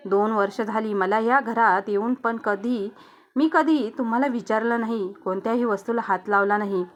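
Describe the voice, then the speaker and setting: A young daughter-in-law, hurt yet defiant, speaking up for her family, as a woman storyteller voices her. Her voice sits fairly high and earnest. Read as a spoken storybook tale. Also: normal speed, close to an everyday voice. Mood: indignant. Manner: pleading, then indignant.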